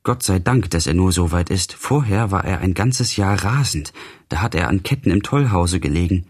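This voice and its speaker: A man's voice: animated, normal speed, a little mellow, slightly rough. A man voicing a careworn, pious old mother in an audiobook reading, in a sorrowful, lamenting manner. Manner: lamenting, pleading, pitched up.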